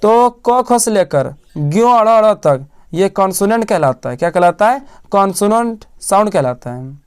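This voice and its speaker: Smooth-voiced male tutor drilling grammar. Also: high-pitched, lively intonation, moderate pace, darkish tone. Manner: asks questions and answers them himself, repeating key words. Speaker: teacher. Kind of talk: classroom-style grammar lesson.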